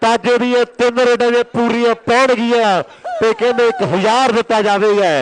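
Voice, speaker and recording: A man giving excited, urgent rural sports commentary on kabaddi, repeating his calls and announcements. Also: very high voice, normal speed, slight background noise, poor audio. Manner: excited, urgent, repetitive calling of play and announcements.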